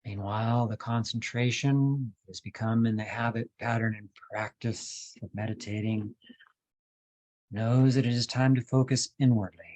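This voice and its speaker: A meditation teacher leads a guided session in a mid-range voice, speaking calmly and deliberately in measured phrases with long pauses, though the recording sounds poor.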